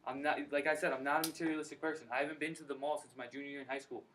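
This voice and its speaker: A young man giving an energetic, slangy personal testimony at a recruiting meeting in a college room. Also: on the high side, very fast. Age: young adult. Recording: distant mic, faint background noise.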